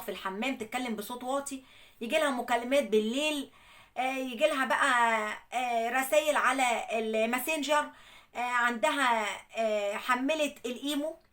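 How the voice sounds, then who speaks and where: A woman with an Egyptian Arabic accent narrates a viewer's personal story as the show's host. Her voice sits high and the words come quickly. She keeps the telling lively by voicing what each person said. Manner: animated retelling with quoted dialogue. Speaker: host retelling a viewer's problem. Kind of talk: storytelling monologue.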